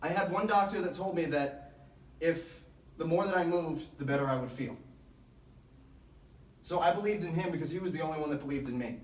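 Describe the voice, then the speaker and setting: The speaker is a man with a slightly high voice giving a sports team a motivational talk. His story comes out earnest and measured, with key phrases emphasized, and the echoey room and distant mic make everything sound very roomy.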